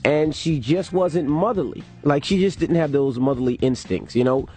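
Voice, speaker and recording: A man's voice: fairly high pitch, normal speed, soft background music. A man hosting a morning radio show, chatting casually and telling stories from his week. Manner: animated, storytelling. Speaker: radio host.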